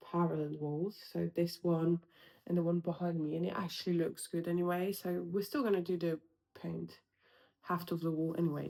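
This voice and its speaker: A woman's voice: fairly low pitch, gravelly, a little mellow, low-quality recording. A young woman chatting casually through her own home renovation, explaining each step with lots of ums. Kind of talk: casual DIY home vlog. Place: room in her house under renovation, indoors.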